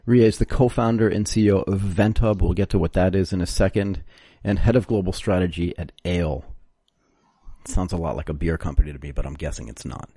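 A man's voice: sits low, brisk, warm tone, breathy edge, no echo. A man hosting a podcast interview, chatty and joking, often cutting in on his guest. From United States. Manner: jokey, chatty, talks over the guest. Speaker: podcast host. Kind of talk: casual interview chat.

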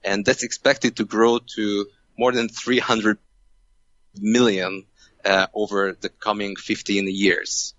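A man from Hungary, a guest on a podcast interview, speaking in a measured way with many fillers and restarts. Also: fairly low pitch, flat delivery, fairly bright tone, no room sound, dull audio. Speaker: guest, venture co-founder.

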